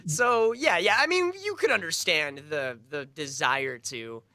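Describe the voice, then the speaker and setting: Lively, bright-voiced man co-hosting a podcast. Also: fairly high pitch, measured pace, dry recording. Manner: animated, laughs often, restarts sentences. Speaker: podcast co-host. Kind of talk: casual chat.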